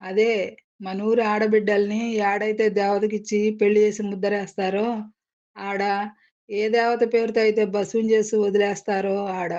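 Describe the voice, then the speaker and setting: A calm, shy middle-aged village man, put on by a woman narrator speaks without any agitation through a quiet smile. The storybook voice is mellow, with a dull, lo-fi tone. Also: mid-range voice, natural voice. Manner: calm, unhurried, quietly smiling. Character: calm half-grey village man, shy yet fearless.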